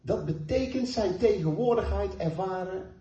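A man preaching a sermon, emphatic, moving between slow stressed phrases and quick asides. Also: sits high, dark tone. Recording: echoey, distant, dull room sound.

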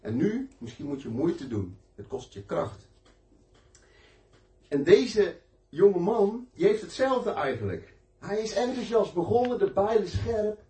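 Male preacher, conversational sermon with testimony, warm tone, roomy echo. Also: high-pitched, very animated, unhurried. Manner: storytelling, conversational and emphatic. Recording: echoey room, mic at a distance.

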